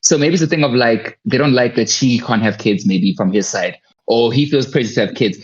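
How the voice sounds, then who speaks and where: A man around thirty, co-hosting a casual TV review chat, animated and joking. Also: mid-range voice, a little fast, breathy edge. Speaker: co-host of a TV review show. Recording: dull lo-fi mic.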